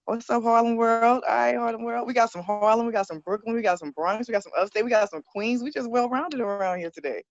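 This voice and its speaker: A woman's voice: a little high, quick pace, few pauses, no room sound. A woman coordinating a youth program, welcoming students on a video call in a casual, encouraging way. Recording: muffled video-call audio.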